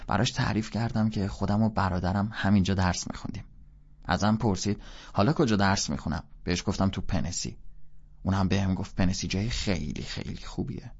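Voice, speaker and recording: A man narrating a first-person audiobook in a casual, colloquial storytelling manner, with a gravelly, husky voice. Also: low voice, a little mellow, lo-fi sound.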